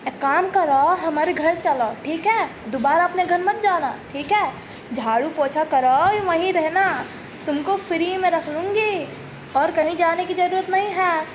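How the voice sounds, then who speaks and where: A woman's voice: very high-pitched, unhurried, slight background noise. A woman voicing a stingy, scheming middle-aged aunt in a homemade family skit, coaxing and bossy. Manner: coaxing then scolding, lazy and selfish.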